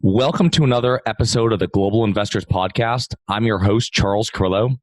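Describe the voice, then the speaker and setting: A man's voice: on the low side, brisk, a little mellow. A man hosting an interview podcast, giving introductions and asking questions. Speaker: podcast host.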